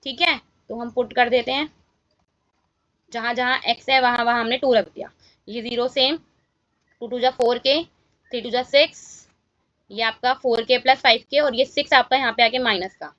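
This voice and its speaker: Woman maths teacher, high voice, dry dull lo-fi recording, step-by-step walkthrough with frequent check-ins. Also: steady tone, normal speed, pauses often, fairly bright tone, dry recording. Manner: talks students through each step with repeated check-in questions. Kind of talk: exam-solution walkthrough lesson.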